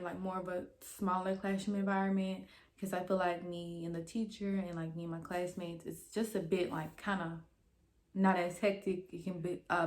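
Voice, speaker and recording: Young woman vlogger talking with a retainer in. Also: medium pitch. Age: young adult. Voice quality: slightly impeded speech from a dental retainer. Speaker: YouTube host and esthetician student. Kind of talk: casual chatty vlog to camera.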